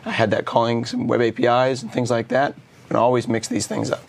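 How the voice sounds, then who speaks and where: A man co-presenting a programming course, his voice lower than usual today, chiming in with upbeat short remarks and quick explanations. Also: flat delivery, creaky. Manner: upbeat, chimes in with short agreements. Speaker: co-presenter of a web development course. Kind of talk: casual technical chat.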